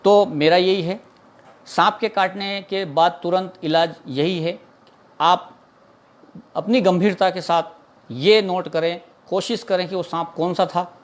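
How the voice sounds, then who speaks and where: थोड़ी ऊँची आवाज़ वाला गंभीर भारतीय आदमी. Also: male voice, sits high, fairly even intonation, unhurried. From India. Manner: earnest, explanatory, repeats himself, mixes English words. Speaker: snake catcher. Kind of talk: informal talk answering a viewer's question.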